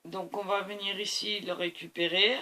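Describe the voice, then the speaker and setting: A woman's voice: medium pitch, flat delivery, normal speed, bright, forceful tone. A tired woman hosting a painting tutorial, talking to camera as she mixes colors and keeps praising them. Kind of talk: art demonstration talk to camera.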